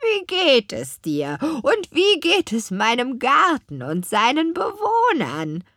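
Woman putting on a croaking old grandmother witch. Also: huge pitch swings, a bit bright, no echo, clean studio sound, exaggerated voice. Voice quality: raspy, croaking. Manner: drawn-out, high cracked old-lady delivery. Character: old raspy grandmother witch, kindly, forgetful. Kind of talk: audiobook character voice.

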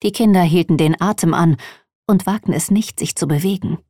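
A woman narrating a children's audiobook in an expressive reading voice. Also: lowish voice, fairly quick, dry recording, studio quality.

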